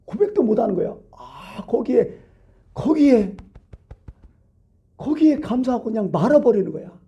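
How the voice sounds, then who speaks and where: A man's voice: very high voice, very animated, moderate pace, lo-fi sound. Emphatic preaching male pastor. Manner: emphatic preaching with rhetorical questions, swinging from loud to hushed. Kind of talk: sermon. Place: church.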